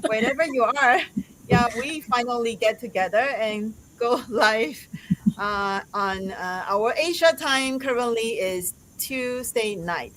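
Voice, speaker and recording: A woman hosting a casual live-stream chat, laughing often and pausing on fillers. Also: a little high, background noise. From Taiwan. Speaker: host.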